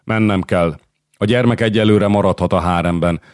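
Egy rideg, fölényes szultán, akit egy férfi olvas fel, odavetett, elutasító hangon. Rendkívül mély és száraz hang. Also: male voice, low-pitched, clean tone, dry recording, clean studio sound, voice pushed up, natural voice. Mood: dismissive. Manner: offhand, dismissive. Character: cold, aloof middle-aged sultan.

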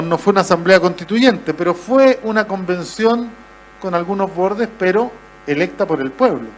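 A man's voice: high-pitched, rough recording. Chilean man giving a fiery speech. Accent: Chilean Spanish. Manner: impassioned, rhetorical, frequent "eh" pauses. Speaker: political speaker. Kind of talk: political speech at a conference.

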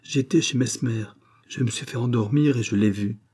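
Audiobook: man reads a hypnotized young countess, pleading, husky. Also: medium pitch, normal speed, darkish tone, close to an everyday voice. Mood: entranced. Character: the young countess Andrée, entranced, resisting. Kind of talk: audiobook character voice.

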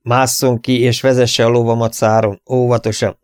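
A man's voice: mid-range voice, level tone, smooth, no room sound, studio quality, close to an everyday voice. A man voicing a tough young cowboy hero who gives short, commanding orders. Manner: terse, commanding.

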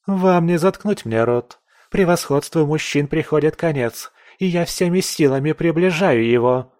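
A man's voice: a little high, expressive, normal speed, no room sound, studio quality, pitched above the performer's own voice, lightly acted. A man voicing a defiant, provocative young woman journalist in an audiobook, with a haughty, taunting manner. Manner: haughty, sharp-tongued, taunting. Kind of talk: audiobook character voice.

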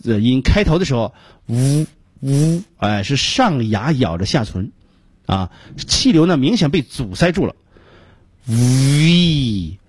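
A man teaching English pronunciation on a radio lesson, explaining patiently step by step and repeating sounds slowly to demonstrate them. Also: medium pitch, very animated, breathy edge, no echo.

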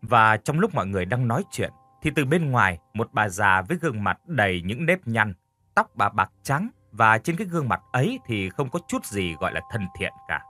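A man narrating a spooky story in a scripted, expressive storytelling style. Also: fairly low pitch, a little fast, no echo, soft background music. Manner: expressive, voices characters lightly.

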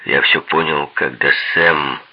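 A man's voice: rumbling low, fairly even intonation, slow pace, breathy edge, muffled recording, exaggerated voice. A man voicing a grave doctor who insists on what he has seen, in an audiobook. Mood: insistent. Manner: insistent, lecturing.

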